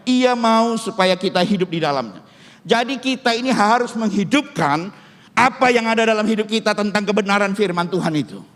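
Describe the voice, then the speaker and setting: A man's voice: high-pitched, expressive, brisk, fairly bright tone. A middle-aged man, a pastor, preaching a sermon and telling a story to his congregation. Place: church hall. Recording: long church hall reverb.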